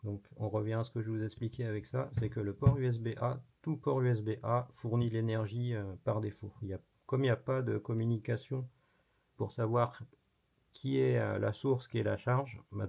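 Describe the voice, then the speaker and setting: A man's voice: fairly low pitch, fairly even intonation, moderate pace, creaky, breathy edge. A man hosting an electronics tutorial, explaining casually while demonstrating hands-on and swearing mildly now and then. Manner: casual and chatty, with mild swearing. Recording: dull lo-fi recording.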